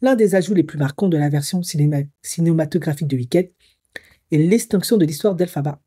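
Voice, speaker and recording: A woman's voice: deep voice, a little fast, dark tone, slightly rough. A woman, a coach talking through her views in a commentary vlog, musing and hesitant as she thinks aloud, sometimes reading a text. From Africa. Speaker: psycho-emotional coach.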